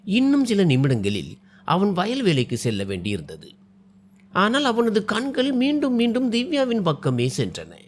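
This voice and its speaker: A man's voice: high voice, huge pitch swings, moderate pace, slight background noise. A man narrating a short story in a dramatic, scripted storytelling style.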